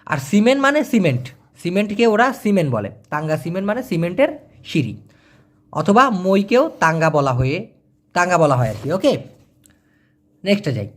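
A man's voice: high-pitched, very animated. A man, teaching a casual vocabulary lesson, spelling out letters and repeating each word. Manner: explains slowly, spells out letters, repeats words. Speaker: language teacher.

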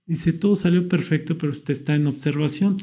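A young man telling a personal story in a casual, animated way, acting out what he and others said. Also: fairly high pitch, fairly quick. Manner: animated retelling, acts out his own past quotes. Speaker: vlogger.

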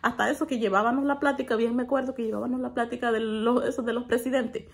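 Brief: woman, 30s, higher voice, animated vlog storytelling at home to a phone camera. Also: fast, vocal fry. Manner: animated, laughs often while telling a story. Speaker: family vlogger. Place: small room at home, indoors.

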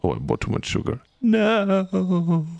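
A lowish, gravelly male voice talks slowly and loosely to his viewers during a game. He hums and scats little tunes to himself between comments. The sound is close and dry, with no room around it. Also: lively intonation, a little mellow, dry recording. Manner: chatty, hums and scats to himself, reads chat aloud. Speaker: streamer. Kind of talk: casual gameplay commentary to chat.

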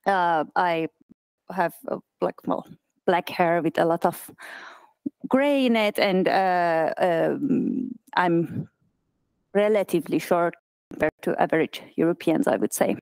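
A woman in her thirties, originally from Iran, giving a conference talk as an accessibility specialist, speaking in a halting way with many fillers and restarts. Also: fairly low pitch, vocal fry, a little mellow, clean tone, dry recording. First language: Persian. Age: 30s. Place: office event space.

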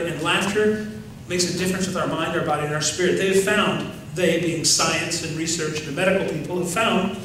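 Animated preacher in an echoing sanctuary. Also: male voice, high voice, noisy background. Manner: animated, gesturing, asks the congregation questions. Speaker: pastor. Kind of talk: sermon. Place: large church sanctuary. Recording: very echoey sanctuary, distant mic.

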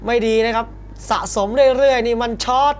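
In live sports commentary on a Muay Thai fight, this very high-voiced man speaks fairly quickly with a level tone, firing off short punchy calls and exclamations. Crowd noise from the arena and a faint fight atmosphere sit behind the broadcast.

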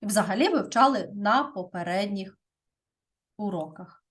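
A woman teaching a primary school grammar lesson, speaking deliberately and often checking in with "так?". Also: mid-range voice, animated, fairly bright tone.

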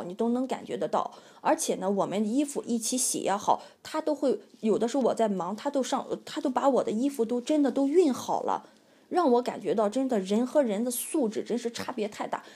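A woman's voice: mid-range voice, slightly rough. Indignant woman ranting in a vlog. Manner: indignant, animated complaining. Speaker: vlogger. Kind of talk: casual storytelling rant.

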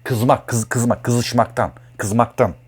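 A man's voice: medium pitch, steady tone, takes it slowly, slightly rough. A man talking as an astrologer in a blunt, heated monologue, repeating himself a lot. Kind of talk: casual monologue.

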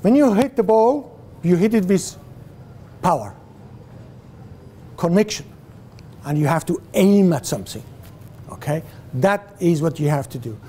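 Recorded by a far-off camera with no mic in view, this older man from Switzerland is guest lecturing students in a classroom with a screen. He talks slowly and with animation, using many fillers like "uh," restarting often, gesturing, and posing questions to the room. His voice is rather high for a man, and a faint hiss sits underneath.

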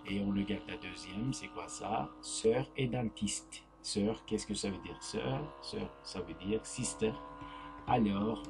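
A man teaching a French grammar lesson to young pupils, speaking slowly, repeating words and checking understanding with "d'accord?". His first language is Turkish. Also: lowish voice. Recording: music and mains hum behind.

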